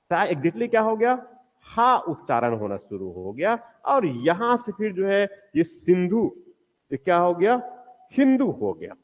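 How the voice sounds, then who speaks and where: A male teacher giving a history lecture in a classroom, asking the class questions and answering them himself, often repeating key words slowly for stress. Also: sits high, very animated, long reverb tail, lo-fi sound.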